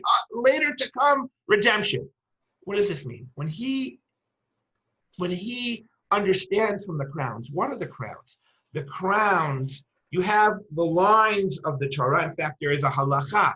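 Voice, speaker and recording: A woman with a medium-pitched, bright, forceful voice teaches a lecture, weaving Hebrew terms into her English as she tells old stories and retells quoted dialogue. The recording sounds dull and lo-fi.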